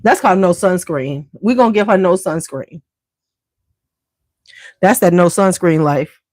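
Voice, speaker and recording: A woman's voice: fairly low pitch, unhurried, darkish tone, no echo. A woman hosting a beauty livestream, chatting casually and slangily straight to her viewers.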